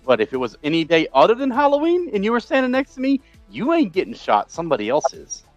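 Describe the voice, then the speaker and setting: A man banters as a guest on a casual live stream. His pitch swings widely and lands a bit high. The audio is dull and dry, like a video call. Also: wildly swooping pitch, fast, no room sound, soft background music.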